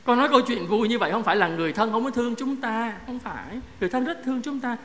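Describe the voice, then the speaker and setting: High-voiced priest preaching in a church. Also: male voice, expressive, racing, a bit bright. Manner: conversational, asks the congregation questions. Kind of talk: sermon. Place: parish church. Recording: echoey church hall, faint noise.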